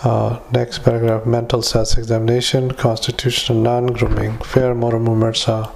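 A man dictating clinical notes into a dictaphone, his voice held to a near-total monotone at a mid pitch. He halts often with filler sounds, spells words letter by letter and speaks punctuation aloud. A faint hiss sits under the dictaphone recording. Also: fairly quick, vocal fry. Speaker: doctor. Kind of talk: medical dictation.

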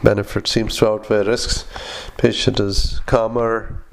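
A man dictating clinical notes in halting, clipped phrases, speaking punctuation and formatting commands aloud as a clinician. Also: fairly low pitch, little pitch movement, gravelly, a little hiss or hum.

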